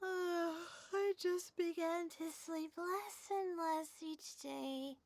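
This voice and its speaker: A woman's voice: very high voice, steady tone, extremely slow, darkish tone, slight background noise, exaggerated voice. A woman voicing a shy, sleepy young female scholar in a video game, who talks hesitantly, rambles and often apologizes. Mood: nervous recounting. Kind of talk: video game character dialogue.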